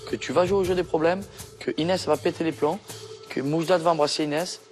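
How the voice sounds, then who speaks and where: A man's voice: on the high side, fairly even intonation, brisk. A young man, chatting casually and advising a friend in slangy, emphatic, repetitive phrases. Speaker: reality show contestant. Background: music bed.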